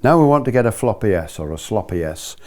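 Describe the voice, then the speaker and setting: A man's voice: lowish voice, very animated, fast, a little mellow. An older man giving a hands-on lesson to a small group as a ski instructor, explaining patiently and methodically and repeating key points. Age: older, about 70s. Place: living room, indoors.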